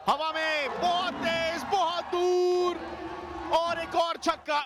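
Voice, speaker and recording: Very high-pitched shouting man, excited cricket commentary. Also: slow. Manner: shouted, emphatic. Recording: loud crowd and stadium noise.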